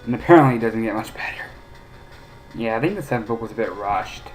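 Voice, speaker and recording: A man's voice: on the low side, animated, fast, soft background music, low-quality recording. A man casually commenting on a retro game he is playing, rambling and opinionated with many hesitations. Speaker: let's play host.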